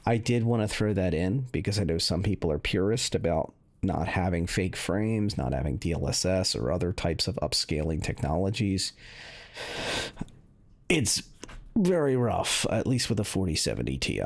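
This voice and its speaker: With a low, gravelly voice, a man reviewing video games runs benchmarks and talks casually without a script. His explanations meander and he hesitates often, while music plays in the background.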